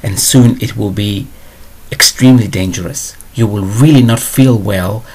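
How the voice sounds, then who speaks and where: A man's voice: lowish voice, unhurried, a little mellow. A man hosting a spiritual advice show, answering a viewer question in a blunt, digressive way.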